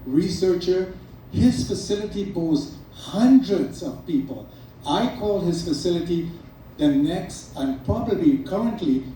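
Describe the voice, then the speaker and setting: A middle-aged man from Trinidad and Tobago talks to a live audience as a naturopath, earnest and emphatic as he lists item after item. His voice is dark but sits a little high. It comes from a distance in a very echoey room with faint noise underneath. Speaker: naturopath speaking at a product event. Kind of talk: promotional speech to a live audience.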